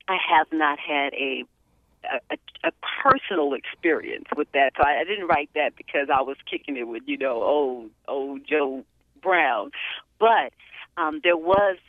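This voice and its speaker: A woman guest singer calling in to a radio show, sassy and quick to laugh, with a put-on sultry voice. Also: low-pitched, no echo. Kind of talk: on-air phone chat. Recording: tinny phone line.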